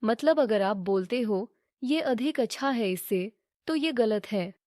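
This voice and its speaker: A woman teaching English grammar in a scripted lesson, reading example sentences slowly and deliberately. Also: fairly high pitch, expressive, warm tone, no echo, studio quality.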